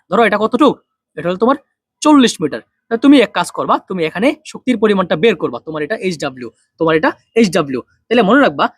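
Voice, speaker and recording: Fast-talking young male physics tutor. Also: sits high, husky, dry recording, clean studio sound. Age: young adult. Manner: quick, drills students with repeated questions and answers. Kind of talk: online physics lesson.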